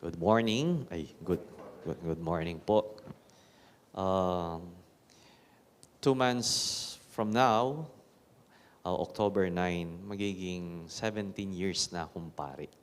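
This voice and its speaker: Filipino priest in his forties, deep and slow, solemn in the reading and wry in the homily, caught in a big church's cathedral echo. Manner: measured, solemn proclamation that turns to joking self-mockery in the homily. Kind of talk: proclaiming a gospel reading and preaching a homily. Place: large church. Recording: long echoey church reverb.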